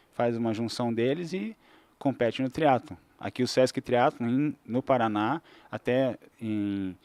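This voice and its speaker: In an easygoing interview chat, a man from southern Brazil's Santa Catarina explains things at length, restarting often and using fillers. He is a fitness trainer in his forties, appearing as a podcast guest. His mid-range voice is a little mellow, and there's no echo.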